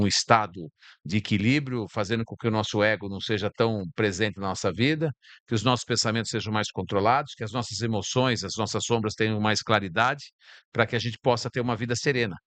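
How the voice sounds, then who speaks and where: A man from Brazil, a podcast guest on a bar stage, talking in a calm, reflective and spiritual way and often repeating words while he searches for them. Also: lowish voice, no room sound. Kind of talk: casual chat.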